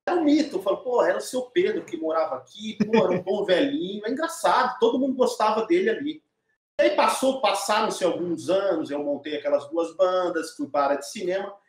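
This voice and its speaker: A middle-aged filmmaker recounts his story in a loose, animated way, often tossing tag questions at his listener. His voice sits a little high for a man. The room around him is echoey and hollow. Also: brisk. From Diadema, São Paulo, Brazil. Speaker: documentary filmmaker, guest. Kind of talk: casual storytelling interview.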